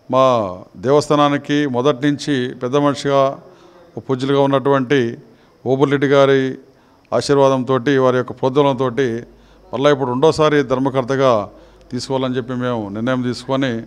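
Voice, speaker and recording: A middle-aged man, a temple trust chairman, answering a reporter's questions in a formal, measured way with halting phrases. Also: medium pitch, clean tone.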